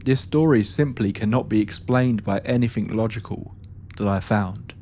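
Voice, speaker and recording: A man narrating a first-person ghost story in a steady, measured reading style. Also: fairly low pitch, a little hiss or hum.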